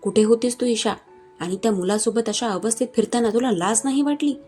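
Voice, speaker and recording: A woman reading as a harsh middle-aged father in a storybook romance, his voice shaking with anger. Her tone stays warm and mellow over faint music. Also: on the high side, brisk, natural voice. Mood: angry. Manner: angry, shaking with rage.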